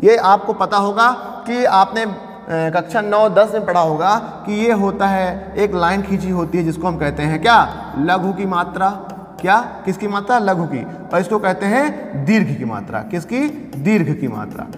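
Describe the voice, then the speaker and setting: Male grammar teacher, high voice, quizzes his class and answers himself, reverberant room. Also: expressive, normal speed. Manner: asks questions and answers them himself, repeating key terms. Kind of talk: classroom lecture.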